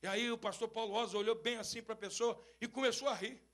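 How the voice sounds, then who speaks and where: A man preaching an animated sermon at a church service, acting out stories and breaking into shouts. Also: extremely high pitch, quick pace. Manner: mixes English phrases into his sermon. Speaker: bishop preaching.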